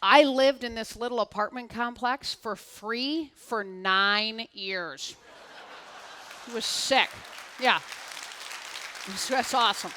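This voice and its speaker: Middle-aged woman, keynote speaker, stage storytelling, bright and slightly high voice, lively, plays out the dialogue. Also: slow pace, long pauses, a faint crowd, a little hiss or hum. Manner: animated, acts out both sides of dialogue. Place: conference stage before an audience.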